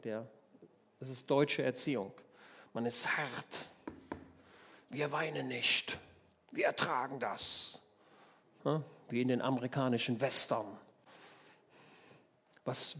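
A German man preaching a sermon, telling the story in a lively way, acting out the people in it and often asking his listeners for agreement. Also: mid-range voice, slightly rough. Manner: lively storytelling, acts out voices, asks the listeners questions.

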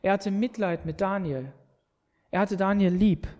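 A man's voice: sits high, unhurried, darkish tone. A man preaching a sermon, retelling a scripture story and speaking earnestly, often repeating words as he presses his point.

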